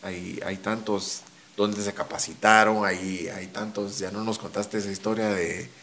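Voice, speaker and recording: A Guatemalan podcast host with a fairly low voice keeps a relaxed conversation going. He agrees easily and reaches for local sayings as he talks. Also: measured pace, a little hiss or hum. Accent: Guatemalan Spanish.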